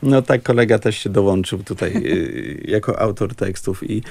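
Gravelly-voiced man talking in short halting phrases. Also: lowish voice, expressive, darkish tone, no echo. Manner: thoughtful, halting with many fillers. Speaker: composer and musician. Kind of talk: casual interview talk.

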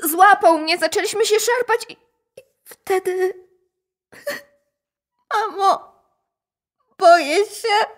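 Woman as a young daughter, radio drama, high voice, slow, halting and shaky. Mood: frightened. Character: teenage daughter Kasia, frightened and bitter.

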